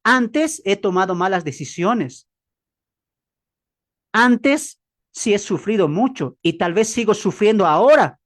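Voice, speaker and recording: A man preaching a Bible class sermon, asking the audience questions and acting out both sides of dialogues with changing pitch and pace. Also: expressive, slow, long pauses. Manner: dramatic, acts out dialogues with shifts in pitch and pace; asks the audience rhetorical questions. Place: church hall, also streamed on a video call.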